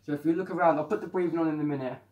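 A man reviewing a helmet while wearing it, so his voice comes through a mask. His voice sits a little on the high side. He chats eagerly and often trips over his words and starts again. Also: very fast. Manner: chatty and excitable, with frequent restarts. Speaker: product reviewer. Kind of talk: casual product review vlog.

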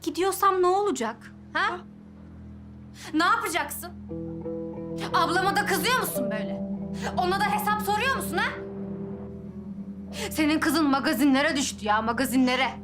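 A bitter young daughter. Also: female voice, very high voice, lively intonation, moderate pace, long pauses. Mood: angry. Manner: shouting, bitter, tearful. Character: defiant young woman lashing out at her mother. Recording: TV drama with loud score. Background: music.

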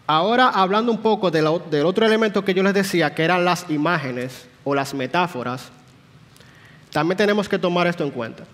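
Leading a church Bible class in a reverberant hall, a man explains things patiently and poses questions to those present. His voice sits high and is a bit bright, and he speaks a little fast.

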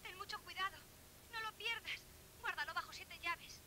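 A woman's voice: very high-pitched, moderate pace. A woman playing an urgent, earnest youngster in a dubbed film drama. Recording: faintly hissy 1970s film soundtrack.

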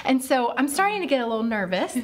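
A woman telling an earnest, animated faith story in a Bible study video. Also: high voice, quick pace. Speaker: ministry speaker.

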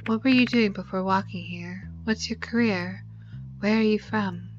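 A woman playing a calm, curious girl in a game, asking one measured question after another in an even mid-range voice, with game music clearly audible in the background. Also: medium pitch, muffled recording, lightly acted. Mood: inquisitive. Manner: measured, inquisitive.

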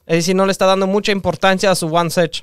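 A man's voice: high-pitched, level tone, fast talker, noisy background. A man on a casual music podcast earnestly explaining why a rapper lacks force, listing his points one by one. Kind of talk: casual music reaction chat.

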